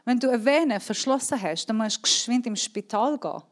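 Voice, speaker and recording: A woman with a Swiss German accent delivers a sermon in a slightly high voice at a fairly quick pace. She is earnest and emphatic, repeating key words, and at times her voice sinks to a soft, almost whispered tone.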